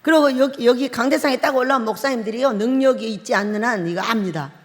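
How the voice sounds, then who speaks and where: Animated woman preaching in a reverberant hall. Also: fairly high pitch, fast. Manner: animated storytelling, acts out her own shouting and crying, laughs often. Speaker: pastor. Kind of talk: sermon. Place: church hall.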